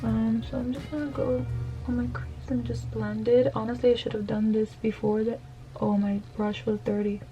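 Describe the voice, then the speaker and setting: A beauty blogger in her thirties from Iran chats candidly, with lots of fillers, while doing her makeup for a get-ready-with-me Q&A video in her home bedroom. Her voice is a little high and level at a moderate pace, picked up by a camera on the desk in a muffled recording with music behind her.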